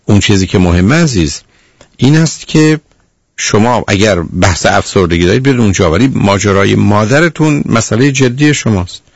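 Stern, gravelly radio counselor man. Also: fairly low pitch, lively intonation, no echo. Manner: stern, lecturing, repeats "dear" to the caller. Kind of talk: radio call-in advice.

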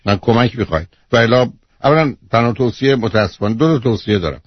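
A man's voice: mid-range voice, lively intonation, slightly rough. A man hosting a call-in advice show as a psychologist, talking bluntly and lecturing the caller. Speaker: radio psychologist host. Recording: dull lo-fi radio audio.

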